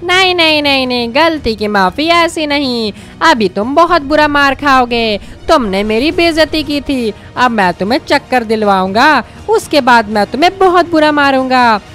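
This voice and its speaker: A woman's voice: high voice, lively intonation, moderate pace, hardly any pauses, a bit bright, faint music behind. A woman voicing a scrawny, vengeful male Hulk king in a game story, sneering and menacing.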